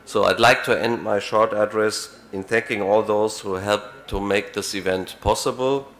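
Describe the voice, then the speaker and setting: A man gives a formal closing address at an event, in halting, broken phrases. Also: fairly low pitch, fairly even intonation, fairly bright tone. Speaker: event speaker. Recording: faint background noise, live event.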